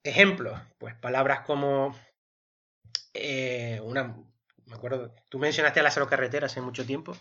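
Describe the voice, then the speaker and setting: A man's voice: medium pitch, fairly even intonation, moderate pace, sharp tone, highs cut off. A man co-hosting a podcast, explaining at length in casual chat, thinking aloud with fillers and tag questions. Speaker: podcast co-host.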